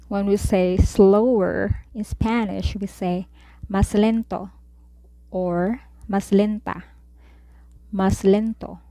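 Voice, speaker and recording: A woman tutor teaching a Spanish vocabulary lesson, saying each word and then repeating it slowly for learners. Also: medium pitch, mellow, dry recording.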